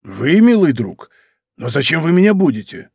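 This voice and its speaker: A man voicing a big, clumsy, good-natured giant who talks loud, slow and bewildered. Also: fairly high pitch, sing-song, vocal fry, husky, no echo, clean studio sound, heavily acted. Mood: bumbling loud.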